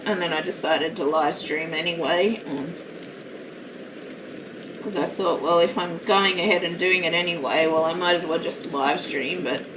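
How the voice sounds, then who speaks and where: This live-streaming craft hobbyist has a loud, somewhat low voice and chats casually while working at home, rambling and poking fun at herself. The microphone sits far away in a roomy room, with steady noise in the background.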